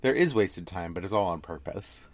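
A man's voice: low-pitched, expressive, normal speed. A man co-hosting a podcast in casual chat about a film, explaining things at length with wry asides. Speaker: podcast co-host.

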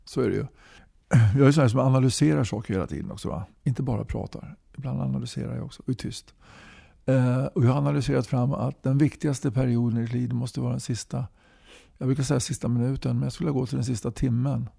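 A man's voice: mid-range voice, steady tone, gravelly, mellow, breathy edge, no echo, clean studio sound. A man in his sixties, a talkative interview guest who keeps tagging his sentences with a questioning "va?". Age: 60s. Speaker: guest, musician and movement leader. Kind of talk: casual conversational interview.

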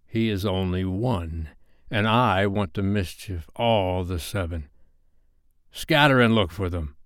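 Storybook pirate captain, male, acted by a man: brooding, vengeful, petulant, low-pitched, drawn-out menace. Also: dry recording, studio quality. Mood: dark. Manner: slow, dark, menacing delivery. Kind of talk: storybook character voice.

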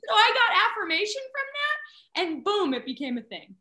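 A woman in her thirties, an actress guest telling stories in casual chat, animated and laughing often. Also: extremely high pitch, normal speed, echoey room.

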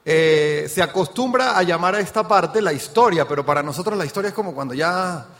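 A man's voice: high-pitched, expressive, a little fast, a bit bright. Venezuelan man speaking on a reverberant stage. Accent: Venezuelan Spanish. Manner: addresses the audience directly, rhetorical questions. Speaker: business event speaker. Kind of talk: motivational stage talk.

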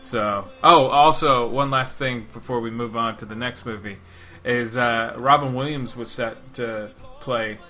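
Casting: male podcast co-host, bright forceful voice, halting and rambling, faint music. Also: mid-range voice. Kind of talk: casual movie discussion.

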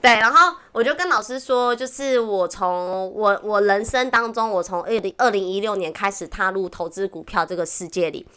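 A woman's voice: mid-range voice, moderate pace, hardly any pauses, clean tone. A young woman, telling a story to her co-host in a casual chat and often breaking into laughter. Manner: animated storytelling, frequent laughter. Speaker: podcast co-host.

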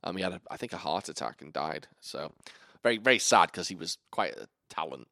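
A man hosting a casual film review chat, animated and profane, joking as he runs the talk. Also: sits low, a little fast, no echo, studio quality. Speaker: podcast host reviewing a film.

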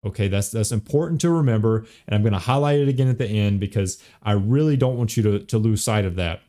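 A young man hosts a finance podcast, talking fast in a mellow, lowish voice. He walks through retirement accounts step by step, repeating key points and checking in with "okay?" and "right?".

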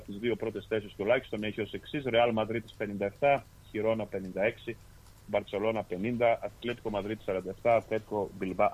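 Man, low-pitched, sports podcast host, methodical, fillers and restarts. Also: lo-fi sound. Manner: steady, methodical, with fillers and self-corrections. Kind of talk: reading sports results and casual chat. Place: lives in Australia.

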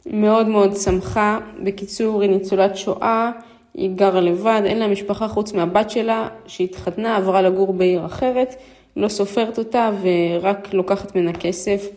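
A woman's voice: medium pitch, steady tone, a little mellow. A woman with an Israeli accent, telling personal stories and appealing to listeners in an informal, hesitant way, repeating phrases for emphasis. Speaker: vlogger.

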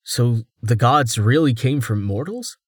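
A man reading as a worn-out young captive with a flat, dejected delivery, close to the narrator's own voice. The slow pace and dry, close sound keep him subdued. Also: mid-range voice, husky, dry recording. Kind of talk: audiobook character voice.

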